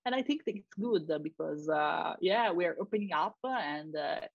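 A woman's voice: fairly low pitch, animated, moderate pace, creaky, dry recording, muffled recording. Italian woman, hesitant, many fillers. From Italy. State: sleepy. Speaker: guest journalist. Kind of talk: casual interview chat.

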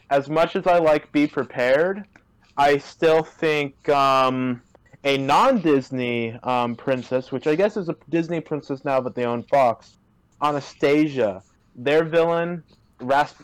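A man's voice: a little high, slow pace, clean tone, poor audio. A man chatting casually on a call, rambling and hesitant, with many fillers and restarts. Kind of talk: casual chat. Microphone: remote call.

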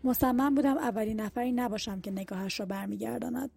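A woman's voice: on the high side, steady tone, gravelly, dark tone, breathy edge. A woman reading a novel aloud as an audiobook narrator, voicing the characters' dialogue lightly herself. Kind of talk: scripted narration over music. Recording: music bed behind the voice.

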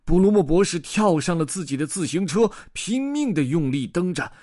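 A man narrating a children's picture book aloud in a lively, expressive way. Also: fairly high pitch, moderate pace, dry recording, clean studio sound. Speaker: storyteller.

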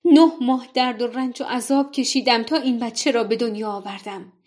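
A woman's voice: very high-pitched, animated, a little mellow, voice pushed up. A woman voicing a desperate young mother who pleads tearfully for her baby's life in a told folktale. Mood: pleading.

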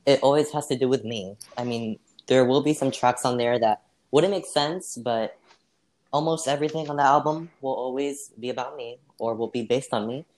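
This low-quality recording captures a guest pretending to be a singer in a relaxed role-play interview. The voice is mid-range, a little mellow, and at normal speed, and the replies are hesitant and filler-heavy, with mistakes brushed off with laughter.

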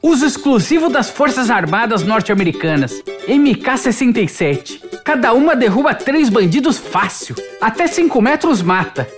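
In an audiobook, a big, slow-moving male bodyguard, put on by the narrator turns giddy and boastful, his voice jumping high like an excited kid. He swings between lively highs and flatter boasts, and faint music hums underneath. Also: natural voice. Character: huge, slow, bored male bodyguard, childlike when proud.

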